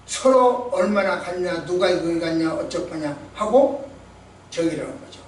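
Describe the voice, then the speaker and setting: Male pastor, sermon, emphatic and dramatic, high-pitched, boomy echoing sanctuary. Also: a little hiss or hum. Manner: emphatic, dramatic, acts out quotations. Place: church sanctuary. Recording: echoey church hall, distant mic.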